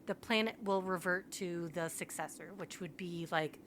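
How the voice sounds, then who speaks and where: A woman's voice: lowish voice, moderate pace, background noise. Chatty young woman retelling a story. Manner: animated retelling, filled with "like". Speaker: podcast co-host. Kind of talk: casual book recap chat.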